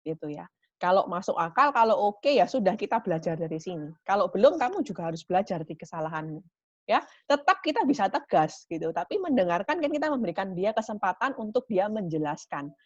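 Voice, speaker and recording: A woman with a lowish voice gives a parenting talk. She explains patiently and keeps checking in with her listeners. The recording is dry and a little dull. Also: no room sound. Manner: warm teaching tone with frequent "gitu ya" tags. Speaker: parenting speaker.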